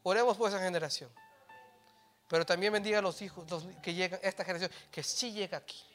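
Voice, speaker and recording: A middle-aged man preaching a sermon, mixing in English phrases and swinging from soft asides to loud exhortation. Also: high voice, steady tone, fast, soft background music. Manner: mixes English phrases into Spanish.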